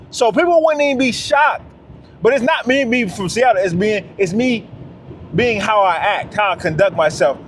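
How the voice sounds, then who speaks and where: A man's voice: high voice, a little hiss or hum. A man talking straight to camera in a casual vlog, emphatic and slangy, repeating his phrases for weight. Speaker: vlogger.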